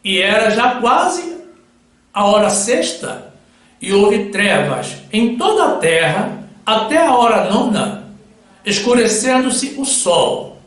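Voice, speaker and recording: A man's voice: high-pitched, very animated, slow, a bit bright. A male preacher delivering a solemn sermon with Bible readings, addressing his listeners as brothers. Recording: very echoey room.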